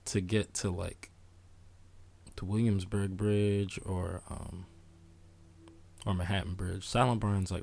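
Young New podcast co-host, low gravelly voice, mellow and unhurried slangy delivery. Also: male voice. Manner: laid-back, slangy storytelling. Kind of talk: casual chat.

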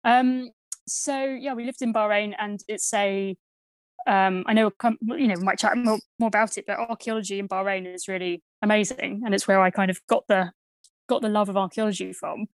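A woman's voice: medium pitch, steady tone, moderate pace, no echo, rough recording. A woman in her thirties with an Essex accent, chatting casually as an interview guest in a playful, self-deprecating way. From Essex, England. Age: 30s. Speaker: podcast guest, university archaeologist.

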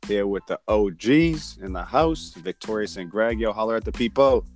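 A man hosting a casual sports podcast in slangy hype-man style, his voice hoarse from yelling and cheering. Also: on the low side, normal speed, faint music behind. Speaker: podcast host.

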